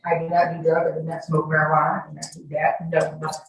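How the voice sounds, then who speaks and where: Testifying in an indoor courtroom, a woman answers questions under examination, emphatically repeating her denials. Her voice is deep, creaky and completely flat, and she talks fast. The recording is echoey from a distant mic, with faint noise.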